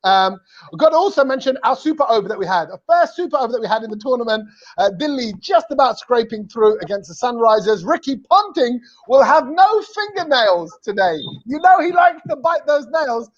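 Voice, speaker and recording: High-voiced, energetic male show host. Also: a little fast, dull audio. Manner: energetic, playful, teasing. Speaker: host of a cricket fan show. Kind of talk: lively live-stream chat.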